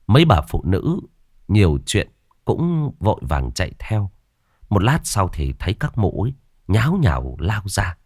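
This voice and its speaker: A man narrating a ghost story in a dramatic, expressive way, voicing every character himself. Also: low-pitched, unhurried, husky, no echo. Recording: dry voice over faint music. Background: faint background music.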